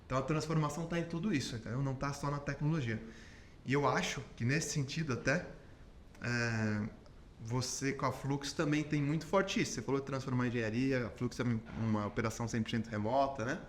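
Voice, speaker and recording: A Brazilian man hosts a podcast interview, speaking briskly in a mid-range voice with slight background noise. He explains his views and checks in with his guest along the way, ending points with "entendeu?".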